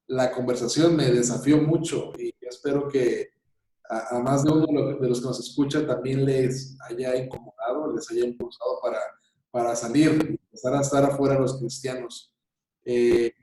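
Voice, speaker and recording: A male host with a mellow, mid-pitched voice talks in an easy, conversational way. His voice sounds roomy and echoey. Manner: grateful, conversational, with fillers. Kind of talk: interview wrap-up. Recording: echoey room.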